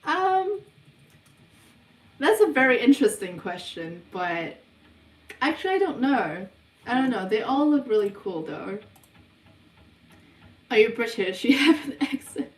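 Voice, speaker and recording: A young woman from New hosts a casual livestream Q&A, reading viewers' questions aloud and answering in an unhurried, hesitant way with lots of ums. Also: on the high side, very animated, recorded from a distance. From New Zealand. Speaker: livestream host of a subliminal channel. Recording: roomy sound, voice away from the mic.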